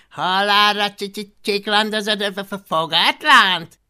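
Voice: mid-range voice, fairly even intonation, bright, forceful tone, clean tone, voice pushed up. An audiobook reader voicing a mischievous little male dragon who stutters over his words. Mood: teasing stutter. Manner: stuttering, giggling.

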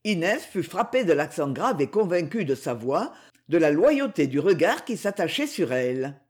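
A narrator reading a novel aloud in an expressive, storytelling way. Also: male voice, a little high, moderate pace, breathy edge. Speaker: audiobook reader.

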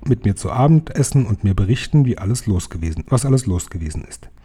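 A man's voice: lowish voice, expressive, quick pace, mellow, breathy edge. Man putting on a spirited old grandmother. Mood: dismissive. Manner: emphatic, exclaiming.

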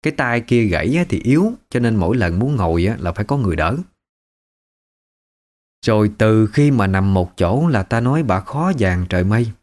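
Low-voiced man telling a story. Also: expressive, normal speed, darkish tone. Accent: Southern Vietnamese. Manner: conversational, emotive retelling. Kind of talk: first-person storytelling narration.

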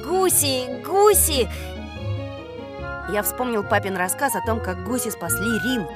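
A woman reading a children's storybook aloud as scripted narration, even and expressive. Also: medium pitch, normal speed, loud music behind the voice. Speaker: audiobook reader.

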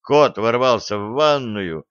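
A man reads a comic audiobook aloud in a lively storytelling manner. His voice sits at a middle pitch and sounds smooth and clear. The recording is dry and close, with a slightly dull, lo-fi edge. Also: slow pace, dry recording. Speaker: audiobook narrator. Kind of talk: scripted narration.

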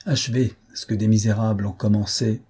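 A man voicing a proud male swordsman who speaks slowly and solemnly in a low voice. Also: flat delivery, warm tone, slightly rough. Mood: grim solemn.

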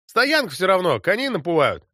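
Guy doing a rowdy cossack soldier, pitched way up, yelling and jeering, dry close sound. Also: huge pitch swings, normal speed, dry recording, exaggerated voice. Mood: mocking. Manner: shouting, coarse and mocking. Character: rough volatile male Cossack soldier, hot-tempered.

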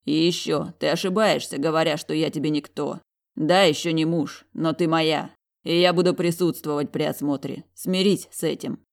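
A woman voicing a commanding, possessive male dragon general in an audiobook, stubborn and low, tender when he is close. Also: fairly even intonation, moderate pace, creaky. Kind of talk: audiobook reading.

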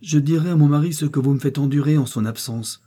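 A man's voice: medium pitch, moderate pace, mellow, slightly rough, natural voice. A man reading the part of a young miller's wife who defies her cruel mother-in-law, speaking with heated, trembling defiance. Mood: trembling anger.

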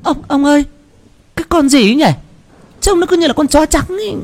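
A man voicing a shrill, stingy old village wife who scolds and schemes. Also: fairly quick. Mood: startled. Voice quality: high, strained, nagging.

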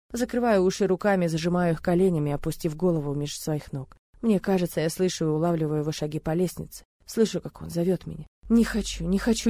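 A woman's voice: low voice, warm tone, no echo. A woman giving an intense, dramatic first-person narration of a story. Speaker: audiobook reader.

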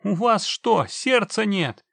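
A man's voice: high-pitched, animated, unhurried, vocal fry, no echo, pitched above the performer's own voice, exaggerated voice. A man voicing a panicked, trapped middle-aged man who screams and begs for help. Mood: begging. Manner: screaming, pleading desperately.

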